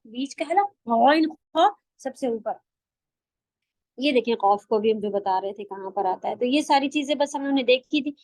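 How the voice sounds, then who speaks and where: A woman's voice: high-pitched, no echo. A woman teaching an online recitation class, patiently explaining step by step and sounding out letters for her students. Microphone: video call.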